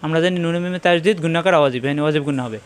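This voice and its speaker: A man teaching Quran reading. He spells out letters and vowel marks slowly and repeats each sound patiently. His voice sits a little high for a man. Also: smooth. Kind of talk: spelling-out recitation lesson.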